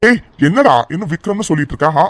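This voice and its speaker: A man's voice: high voice, animated, rapid-fire, slight background noise. A man voicing a blunt, bossy cartoon buddy. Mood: blunt, scolding. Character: blunt young male best friend giving advice. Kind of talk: cartoon voice acting.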